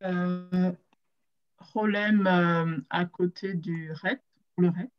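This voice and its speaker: A woman's voice: on the low side, steady tone. A woman student in a language class, hesitantly reading out vowel signs. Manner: hesitant, slow. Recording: dull lo-fi sound.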